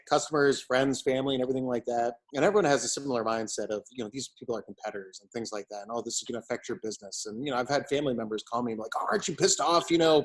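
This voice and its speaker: A man's voice: mid-range voice, poor audio. A man giving a casual interview as a brewery owner, talking in a loose, rambling, conversational way. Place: at his brewery.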